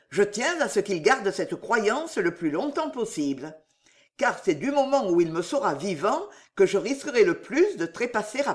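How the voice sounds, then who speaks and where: A reader voicing a gruff, loud old soldier of fortune who swears heartily, in an audiobook. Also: medium pitch, lightly acted. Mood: blustering. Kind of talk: audiobook character reading.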